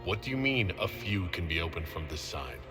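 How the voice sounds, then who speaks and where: A male actor voices a commanding, heroic adult leader of an inquisition in a video game cutscene, direct and earnest. His deep voice is very animated and fairly quick, with an earnest, questioning mood, and music plays behind him.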